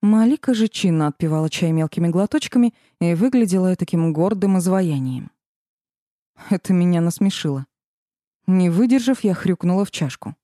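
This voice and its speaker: A woman's voice: lowish voice, expressive, moderate pace, warm tone, no echo, studio quality. A woman narrating a first-person fantasy audiobook in a wry, sardonic manner.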